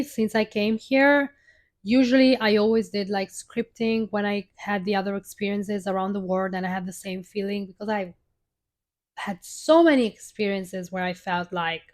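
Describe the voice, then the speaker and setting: A woman's voice: medium pitch, moderate pace. A young woman hosting a live stream, telling a personal story in a casual, heartfelt, rambling way with many restarts.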